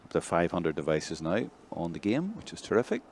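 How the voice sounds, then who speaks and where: Deep-voiced Northern Irish match commentator. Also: male voice, fairly quick, slight background noise. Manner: conversational, excitable on big plays. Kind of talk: live sports commentary.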